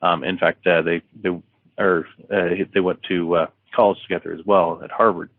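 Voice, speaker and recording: Deep-voiced man on a tinny line. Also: little pitch movement, moderate pace, no room sound. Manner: rambling, many fillers and restarts. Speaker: author guest. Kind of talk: podcast interview, retelling a story. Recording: tinny phone-like line, dry.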